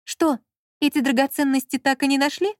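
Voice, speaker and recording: A woman's voice: sits high, fairly even intonation, brisk, no room sound, studio quality, pitched above the performer's own voice, natural voice. A woman reading an audiobook and voicing a capricious, playful young woman who whines and teases. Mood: curious. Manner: whiny, teasing, shrieks in fright. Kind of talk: audiobook character voice.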